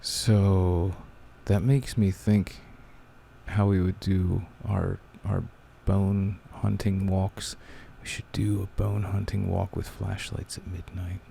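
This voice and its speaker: A very deep, heavily gravelly male voice that moves slowly and sounds dark and mellow. He hosts a relaxed podcast chat, rambling and trailing off, close enough to the mic that his breathing comes through. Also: slight background noise. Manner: rambling, laid-back, trailing off. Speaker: podcast host. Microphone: close mic, breathing audible.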